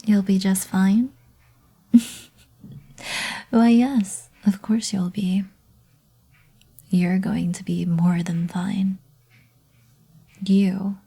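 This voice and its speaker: Woman acting a young succubus, ASMR role-play, very breathy, slow, intimate, teasing, possessive ASMR sweetheart. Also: medium pitch, level tone, exaggerated voice. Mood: fond, reassuring. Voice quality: breathy, soft.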